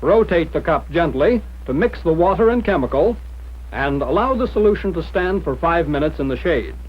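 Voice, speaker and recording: An American man reading scripted instructions in the formal, measured manner of a 1940s military training film narrator. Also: fairly high pitch, animated, husky. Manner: mid-century newsreel-style narrator, formal, measured instruction. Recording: dull, lo-fi 1940s film soundtrack.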